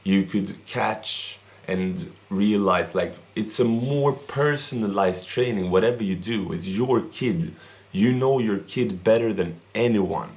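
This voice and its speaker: Speaking slowly in a fairly low, slightly mellow voice, a young man raised in Sweden delivers an opinion monologue in English for his vlog. He's earnest and rambling, and his grammar is non-native.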